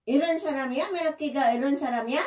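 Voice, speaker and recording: A woman's voice: sits high, brisk, a little mellow. A woman talking to her pet, scolding it and repeating short, simple commands. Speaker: pet owner vlogger. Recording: roomy, from a distance.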